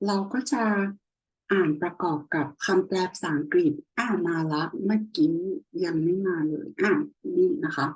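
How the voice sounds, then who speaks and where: Young female tutor, husky low voice, patient step-by-step explainer. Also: low-quality recording. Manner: slow, explanatory, frequent checking questions. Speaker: language tutor. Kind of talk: screen-share tutorial.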